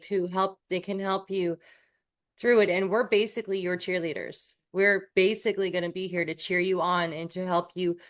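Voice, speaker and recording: A woman's voice: fairly low pitch, fairly bright tone. A woman from New York co-hosting a coaching podcast, chatting casually with restarts and self-deprecating asides.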